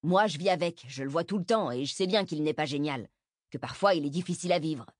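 A woman's voice: deep voice, quick pace, no room sound, clean studio sound. A woman voicing an awkward, reluctant teenage boy in an audiobook, hesitant and trailing off. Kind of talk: audiobook character voice.

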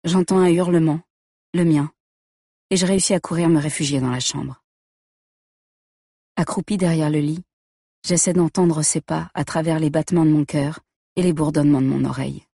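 Woman reading a first person story, husky, quiet and close, dry sound. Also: sits low, fairly even intonation, moderate pace, long pauses, no echo. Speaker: narrator.

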